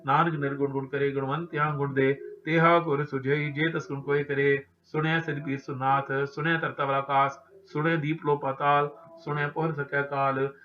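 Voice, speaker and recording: A man with a Punjabi accent reciting Sikh scripture in a steady chant, pausing to instruct the congregation earnestly. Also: a little high. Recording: dull lo-fi recording.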